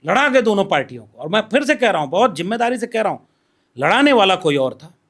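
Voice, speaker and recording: A man as a podcast guest, talking politics in a measured, explanatory way and laying out his points one by one. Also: high voice, big pitch swings, fairly bright tone. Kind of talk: political discussion.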